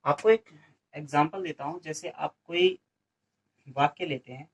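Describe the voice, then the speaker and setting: This Indian man's voice is fairly high, unhurried, and a touch rough as he teaches Hindi grammar to an exam coaching class. He repeats his own questions and supplies the answers, often tacking on "ठीक है" (okay).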